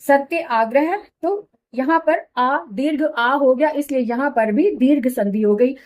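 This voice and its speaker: A middle-aged woman with a high voice explains grammar to her students. She is patient, goes through each example slowly and repeats it. She keeps checking that they follow along. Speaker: Hindi grammar teacher. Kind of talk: classroom explanation.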